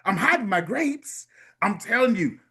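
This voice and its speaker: A man's voice: sits high, very animated, normal speed, bright, forceful tone, husky. A man co-hosting a casual movie podcast, laughing often and quoting scenes with gusto. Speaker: podcast co-host.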